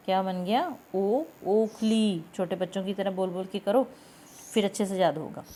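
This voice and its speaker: A woman's voice: medium pitch, a little mellow. A young woman teaching an exam-prep grammar lesson. She explains step by step, keeps asking the class quiz-like questions, and stretches out the sample vowel sounds.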